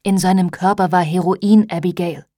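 A woman's voice: lowish voice, fairly even intonation, normal speed, mellow, no room sound, close to an everyday voice. A woman reading the part of a worried middle-aged mother, her voice trembling and pleading, in a dry studio audiobook recording. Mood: distraught.

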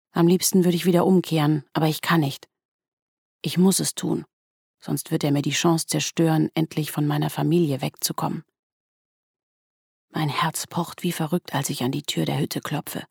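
Female audiobook narrator, hushed and tense, raspy low register, bone-dry close recording. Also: no echo. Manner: hushed, tense, dropping at times to a whisper. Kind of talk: first-person literary narration.

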